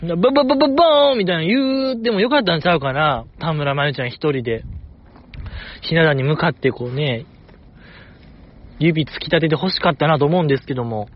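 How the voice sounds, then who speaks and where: A man's voice: fairly high pitch, expressive, fairly quick, pauses often, highs cut off. A man with a Kansai accent hosting a podcast alone, chatting casually and repeating himself for emphasis. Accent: Kansai Japanese. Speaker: podcast host. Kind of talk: solo casual chat.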